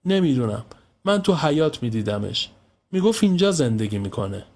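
A man doing a shy young girl in a storybook reading, pitched far above the reader's own voice, soft and hesitant, speaking as if she is pleading. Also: sing-song.

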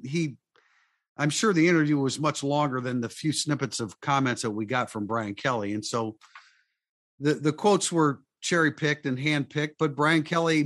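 A man's voice: mid-range voice, dry recording. A man hosting a sports talk show, talking with many restarts and sarcastic asides.

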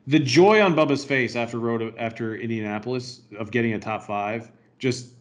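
A man's voice: mid-range voice, moderate pace. A man co-hosting a podcast, chatting casually about fantasy racing while he has the hiccups. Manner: hiccuping, laughing asides. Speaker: podcast co-host. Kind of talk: casual sports betting chat.

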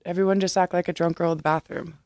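A woman's voice: fairly low pitch, steady tone, fast, a little mellow, dry recording, clean studio sound. A young woman chatting casually like a giddy party girl, sweary and gushing as she swaps stories. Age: young adult.

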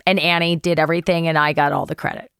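Animated woman telling a funny story. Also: quick pace, vocal fry, very noisy. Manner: animated, jumps high when acting out others' lines. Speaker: guest. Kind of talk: casual storytelling anecdote.

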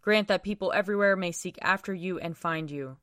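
Low-pitched woman leading solemn prayers. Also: a bit bright, no room sound, clean studio sound. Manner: solemn, measured, formal. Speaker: worship leader reading scripture and prayers. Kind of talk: liturgical reading and recited prayer.

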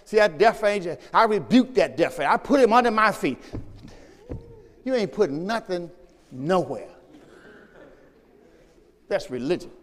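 A pastor preaching a lively sermon, shouting one moment and dropping low the next, talking straight to his congregation. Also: unhurried, pauses often, long reverb tail.

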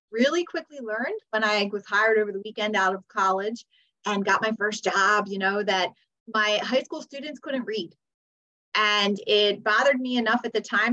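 An American woman in her forties, a teacher and author, tells her story conversationally as a podcast guest. Her medium-pitched voice sounds pushed and bright, and the audio is slightly dull.

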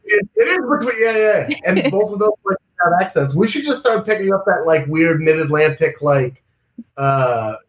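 Casual man, New York accent, slightly high voice, loose and rambling, echoey room. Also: sing-song, moderate pace. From Oregon. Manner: rambling, loose, lots of fillers. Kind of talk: casual remote chat.

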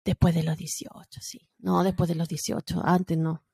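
A middle-aged Chilean woman chatting casually as a podcast co-host, animated and quick to laugh. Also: lowish voice, vocal fry, husky, no room sound, clean studio sound. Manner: animated, laughs and acts out voices. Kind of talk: casual chat.

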